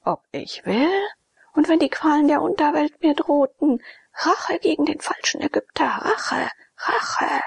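A woman's voice: sits high, lively intonation, normal speed, creaky, slightly rough, whispered, pitched above the performer's own voice, heavily acted. A woman voicing a desperate male priest locked in a cellar, pleading and then swearing revenge. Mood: vengeful.

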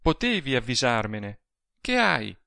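A man's voice: mid-range voice, big pitch swings, a little slow, creaky, pushed and bright, dry recording, studio quality, heavily acted. A man reading an audiobook, voicing a small, frail young woman who pleads anxiously.

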